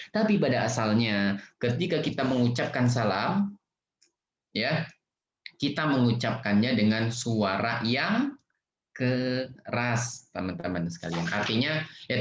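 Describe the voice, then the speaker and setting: A man's voice: mid-range voice, slight background noise. Playful man teaching children on a video call. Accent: Indonesian. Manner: lively and playful, acts out loud and soft greetings. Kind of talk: online lesson for children. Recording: roomy, dull video-call audio.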